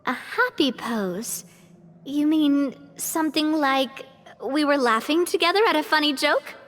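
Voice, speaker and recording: Playing a gracious, confident, and cheerful young lady boss in a video game, a woman speaks a little slowly in a high voice. She sounds thoughtful yet bright and animated, offering encouragement.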